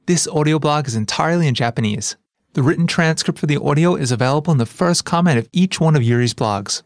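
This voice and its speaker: A man working as an announcer, giving a scripted, upbeat and brisk promotional reading. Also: fairly high pitch, dry recording.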